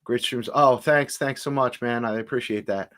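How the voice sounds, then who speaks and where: A man's voice: medium pitch, moderate pace, fairly bright tone. A man hosting a casual home livestream, rambling and stop-start as he greets viewers in the chat. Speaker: livestream host reviewing cannabis.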